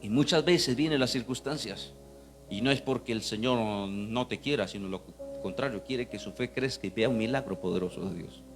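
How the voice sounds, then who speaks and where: A male pastor preaching a fervent sermon, swinging from hushed to loud and calling out to the congregation. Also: medium pitch, moderate pace, music in the background. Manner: calls out to the congregation.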